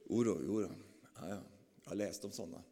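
Man playing overconfident disciple Peter, low breezy voice, repeats himself, long reverb. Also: fairly even intonation, crowd noise. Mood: self-assured. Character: boastful, self-assured disciple Peter.

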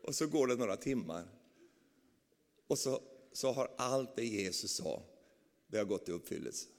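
A man's voice: mid-range voice, lively intonation. A man preaching a sermon, telling the story animatedly with frequent tag questions. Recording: long reverb of a large hall.

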